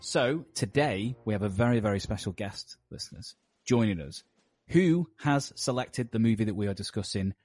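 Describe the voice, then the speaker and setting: A man's voice: on the low side, animated, normal speed, darkish tone, dry recording, faint music behind. Man hosting a podcast, welcoming. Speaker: podcast host. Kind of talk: casual chat.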